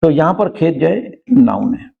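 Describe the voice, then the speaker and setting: A man teaching an English grammar lesson, explaining patiently and reading example sentences slowly, often checking in with his students. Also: a little high, big pitch swings, gravelly, phone-quality sound. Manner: frequently checks in with listeners.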